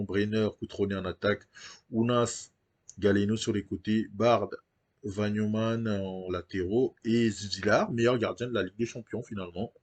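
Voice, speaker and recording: Low-voiced man commenting on a game. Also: a little mellow. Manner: thinks aloud with frequent hesitations. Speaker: gaming channel host.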